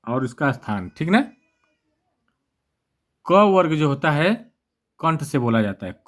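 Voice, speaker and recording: Man, exam-prep teacher, fairly high voice, repetitive question-and-answer manner. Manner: repetitive, asks and answers his own questions. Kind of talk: exam-prep grammar lesson.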